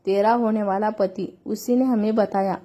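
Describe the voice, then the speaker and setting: A woman's voice: medium pitch, fairly even intonation, normal speed, warm tone, close to an everyday voice. A woman reading a story voices a chatty older aunty who scolds and blesses like an elder. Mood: fussing.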